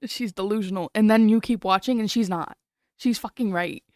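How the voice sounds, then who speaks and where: A woman's voice: mid-range voice, moderate pace, clear, resonant tone, no room sound, clean studio sound. A young woman chatting casually on a late-night stream, giggly and rambling, often trailing off and restarting.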